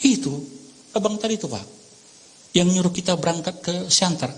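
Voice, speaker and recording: A man's voice: sits high, animated, moderate pace, pitched above the performer's own voice. A preacher voicing a tearful, reproachful young girl with a whiny, pleading voice. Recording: reverberant church hall with music.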